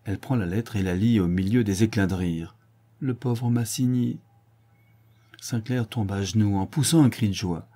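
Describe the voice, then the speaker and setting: A man reading a classic novel aloud as audiobook narration, measured and expressive. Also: lowish voice. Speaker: audiobook reader. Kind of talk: scripted literary narration.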